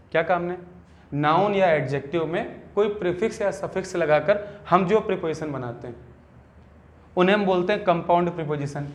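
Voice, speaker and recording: A man from India with a Hindi accent teaches a classroom grammar lesson. His voice sits high, and he keeps pausing to quiz his students with short questions. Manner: keeps asking the class quick check questions.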